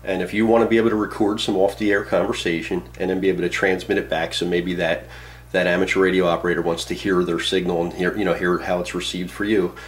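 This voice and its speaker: This tutorial comes from an amateur radio operator at his indoor radio and computer desk, explaining plainly step by step in a casual spoken demonstration. He talks quickly in a low-pitched voice with little pitch movement.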